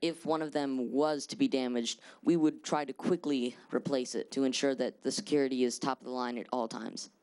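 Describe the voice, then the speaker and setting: Confident young male presenter, smooth voice. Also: medium pitch, fairly even intonation, normal speed, hardly any pauses, a little mellow. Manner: confident, hesitant fillers, many "uh"s. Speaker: presenter at a mock school board meeting. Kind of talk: formal presentation and answering questions.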